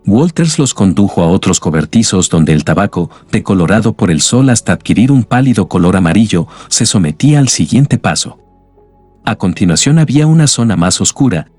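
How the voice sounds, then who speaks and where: A man narrating an audiobook story in a measured, even way. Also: fairly low pitch, slightly rough, no room sound. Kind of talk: scripted narration. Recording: dry studio voice with faint music.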